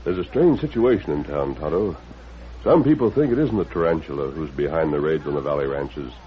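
An actor playing a calm, resolute western hero in a vintage radio drama, speaking in a measured, deliberate way. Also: male voice, rumbling low. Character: calm, steady masked western hero in disguise. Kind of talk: 1940s radio western acting. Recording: dull vintage radio recording.

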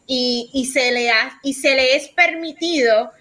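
A woman's voice: high voice, measured pace, sharp tone. A woman hosting a casual podcast chat, talking animatedly and mixing English words into her Spanish. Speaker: podcast host.

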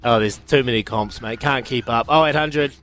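A man hosting a radio phone-in quiz with excitable, matey, slangy banter. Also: medium pitch, normal speed, faint music behind. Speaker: breakfast radio quiz host. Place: radio studio.

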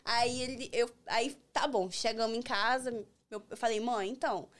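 A woman's voice: fairly high pitch, moderate pace. A young Brazilian woman with a Brazilian Portuguese accent, a podcast guest telling an anecdote in casual chat and acting out what other people said. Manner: animated storyteller, acts out other people's lines.

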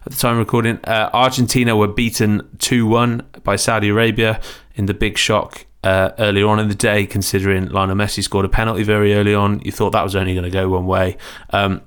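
A man's voice: on the low side, level tone, fairly quick, hardly any pauses, fairly bright tone, clear, resonant tone. A young man hosting a football podcast, chatty and upbeat, speaking to his listeners. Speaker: podcast host. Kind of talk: casual chat.

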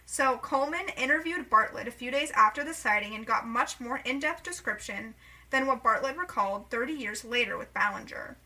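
A young woman co-hosting a podcast, retelling a story in a playful, chatty way. Her voice is high and sharply bright. She keeps the tone light and casual. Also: lively intonation, fairly quick, poor audio. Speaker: podcast co-host. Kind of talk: casual chat.

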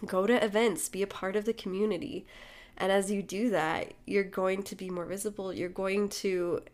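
A woman's voice: medium pitch, fairly even intonation, moderate pace, a little mellow. Upbeat woman, a bit nasal from a cold. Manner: upbeat and encouraging, laughs often. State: slightly nasal from a recent cold. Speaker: podcast host and small business owner. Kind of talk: casual solo podcast monologue.

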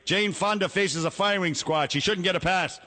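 A man's voice: normal speed, pushed and bright. A man doing a foul-mouthed cardinal. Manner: mock-pious, insulting, booming brogue with a catchphrase. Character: crude, irreverent older male Irish cardinal. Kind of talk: comedy radio bit.

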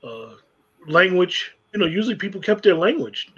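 A man's voice: high-pitched, big pitch swings, moderate pace, a bit bright, husky, muffled recording. A man in casual conversation, speaking emphatically and repeating words as he builds his point. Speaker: podcast co-host.

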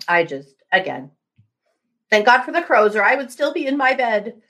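Woman co-host, lively intonation, jokey, a little sleepy. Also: fairly high pitch, moderate pace. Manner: playful, jokey, drowsy from just waking. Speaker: livestream co-host. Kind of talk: casual livestream chat.

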